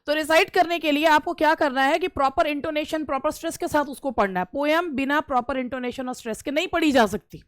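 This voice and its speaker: High-voiced woman teacher, conversational. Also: fast, few pauses, no room sound. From India. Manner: conversational, repeats phrases, frequent hesitations. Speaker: English teacher giving interview tips. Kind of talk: casual instructional talk.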